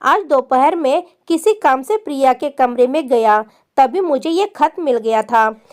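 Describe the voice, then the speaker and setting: A woman voicing a grateful father who thanks a stranger with deep emotion in a spoken story. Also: animated, a little slow. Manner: heartfelt, grateful.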